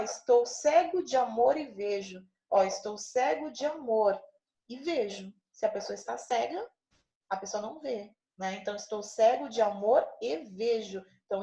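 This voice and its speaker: A woman's voice: a little high, warm tone, echoey room. A woman teacher patiently explaining figures of speech, often checking in with her listeners. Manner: patient, checks in with frequent tag questions. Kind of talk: explaining a grammar lesson.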